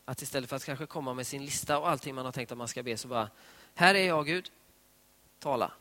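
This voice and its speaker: A man giving a conversational devotional talk on prayer, retelling scripture scenes in lively voiced dialogue. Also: mid-range voice. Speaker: preacher. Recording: long hall reverb.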